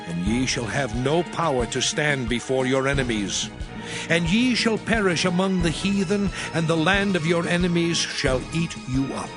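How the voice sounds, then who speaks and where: A stern God of the Old Testament, speaks over prominent music. The voice sits a little high and delivers scripture as solemn, measured declamation, a lawgiver pronouncing judgment in an audio drama. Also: male voice. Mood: stern, threatening.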